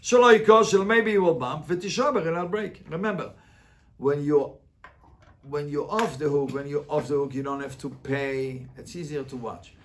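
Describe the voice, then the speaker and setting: At a moderate pace, a man with a slightly high voice teaches a Talmud class as a rabbi. Line by line he reads and translates, asking emphatic questions and repeating phrases in an interactive lesson.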